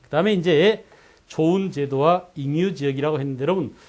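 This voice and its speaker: Male history lecturer, high-pitched, drills students with quick questions and check-ins. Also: darkish tone. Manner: keeps checking in with students, asking "got it?"; quizzes students with rhetorical questions. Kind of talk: online exam-prep lecture.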